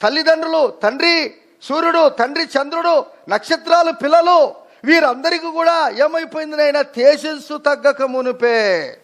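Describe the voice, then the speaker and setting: High-pitched animated male preacher. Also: moderate pace. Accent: Telugu. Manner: animated preaching, acting out a crying baby and frail old people, calling out hallelujah. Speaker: pastor. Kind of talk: sermon.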